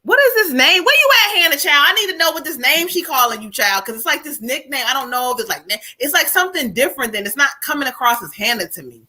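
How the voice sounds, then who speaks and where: A woman's voice: high-pitched, expressive, fast, hardly any pauses, pushed and bright. A woman medium giving a live spiritual reading, talking casually and calling the listener "child" as she relays messages. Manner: colloquial, calls the listener "child"; relays messages, switching into quoted lines. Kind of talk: live stream card reading.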